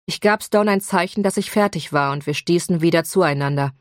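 A woman narrating a first-person audiobook in an even, measured way. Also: fairly low pitch, dry recording, clean studio sound.

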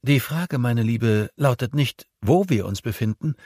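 Ein Mann spricht in einem Hörbuch eine muntere Navigationsoffizierin mit lockerem, leicht angehobenem Ton. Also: male voice, mid-range voice, expressive, unhurried, a little mellow, dry recording, studio quality, voice pushed up. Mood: munter. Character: friendly female navigation officer on a screen.

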